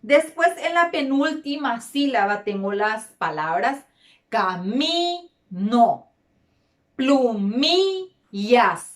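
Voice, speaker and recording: A woman's voice: high voice, very animated, unhurried, few pauses, fairly bright tone. A woman teaching a grammar lesson to children, repeating key words and stretching words out. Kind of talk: slow, deliberate classroom lesson. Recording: roomy echo.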